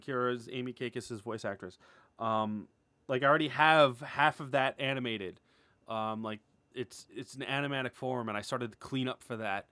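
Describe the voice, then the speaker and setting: In a dry recording, a man with a mid-range, fairly bright voice rambles through an informal update for his followers. As an indie animator, writer and series creator, he gushes enthusiastically and peppers everything with "like".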